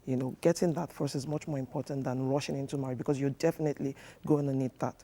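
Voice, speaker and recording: A man's voice: medium pitch, flat delivery, fast, warm tone. A man, a relationship coach giving earnest, instructive advice in a TV studio interview, with many fillers.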